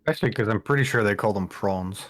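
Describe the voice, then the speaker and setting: A man's voice: on the low side, fast talker, a bit bright. A man co-hosting a game stream, reading charity rewards and joking casually.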